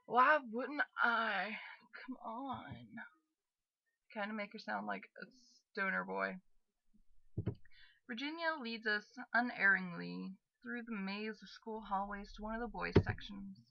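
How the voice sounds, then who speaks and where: A woman's voice: medium pitch, normal speed, vocal fry, dry recording, dull audio. A young adult woman hosting a let's play, chatting casually and reading game text aloud. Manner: chatty, self-commenting on her character voices. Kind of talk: casual game commentary and read-aloud narration.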